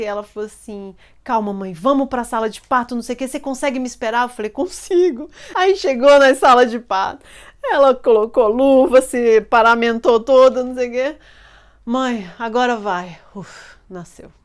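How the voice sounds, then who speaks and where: A woman, telling a personal life story in an animated way and acting out the people she quotes. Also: medium pitch, clear, resonant tone.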